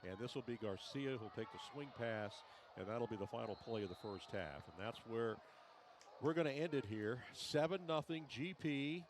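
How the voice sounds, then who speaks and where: A male play-by-play announcer hosting a live football broadcast. His voice is medium in pitch, with faint outdoor stadium noise behind it. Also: normal speed.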